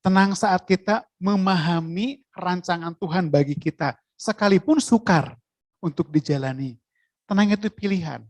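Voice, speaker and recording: Lively preacher. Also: mid-range voice, normal speed, no room sound. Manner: lively, asks the listeners questions. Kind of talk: sermon.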